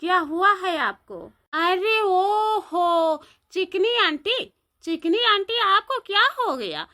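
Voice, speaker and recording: A woman's voice: extremely high pitch, very animated, a little slow, sharp tone, pitched above the performer's own voice, heavily acted. A woman voicing a curious, meddling young village woman in a cartoon, questioning and coaxing in an Awadhi accent.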